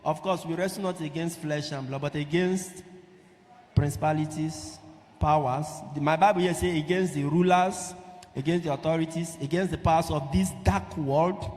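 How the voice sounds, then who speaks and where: A man preaching a sermon, emphatic, asking the listeners questions and rising to loud peaks. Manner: emphatic, asks the audience questions and rises to loud high peaks. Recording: long hall reverb.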